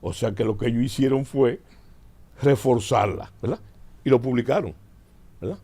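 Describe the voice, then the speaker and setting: A man's voice: mid-range voice, normal speed, gravelly, mellow, slightly rough. An older man with a Dominican Caribbean Spanish accent giving political and military commentary, teaching emphatically with repeated phrases and rhetorical questions. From Dominican Republic. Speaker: military analyst, studio guest.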